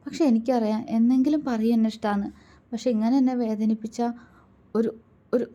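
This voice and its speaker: A woman's voice: fairly high pitch, dark tone, lightly acted. A woman voicing a hurt, stubborn young wife. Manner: tearful yet defiant, scornful. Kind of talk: storybook reading.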